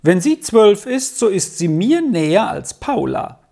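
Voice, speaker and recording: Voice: medium pitch, big pitch swings, a little slow, gravelly, warm tone, voice pushed up. A reader voicing an earnest, somewhat proud boy in a storybook reading, who reproves his little brother indignantly.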